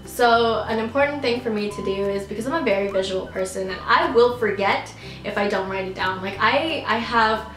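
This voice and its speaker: Fairly quick and fairly bright, a mid-range female voice chats casually, giggling and restarting with plenty of "like"s while answering viewer questions. She's a young woman from the Philippines who grew up in Canada, recorded poorly in an echoey room with slight background noise.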